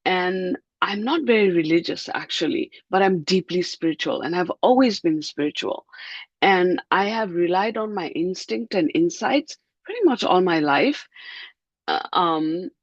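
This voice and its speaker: A woman's voice: fairly low pitch, lively intonation, no room sound, highs cut off. Thoughtful woman from Nepal, dry sound. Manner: thoughtful, measured, slows to stress words. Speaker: guest. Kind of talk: reflective interview answers.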